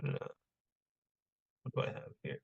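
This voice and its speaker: A man's voice: unhurried, lo-fi sound. A man teaching an informal religious history class, reading texts aloud and punctuating his points with rhetorical questions and short check-in tags.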